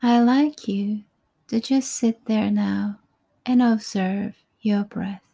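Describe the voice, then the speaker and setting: A woman leading a guided breathing meditation in a soft, breathy, calm voice, with unhurried short phrases and pauses. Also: medium pitch. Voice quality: soft, breathy, often near a whisper.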